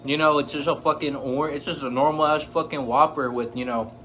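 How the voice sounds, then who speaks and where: A man's voice: on the high side, steady tone, fairly quick, sharp tone. Young man talking through a mouthful. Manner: profane, blunt, rambling. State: chewing while talking. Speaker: food reviewer. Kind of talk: casual food review vlog.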